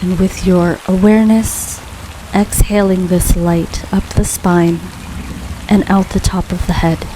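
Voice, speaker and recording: A woman leading a guided grounding meditation in a calm, soothing, unhurried way, leaving long pauses between phrases. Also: fairly low pitch. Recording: steady rain noise behind voice. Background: rain falling.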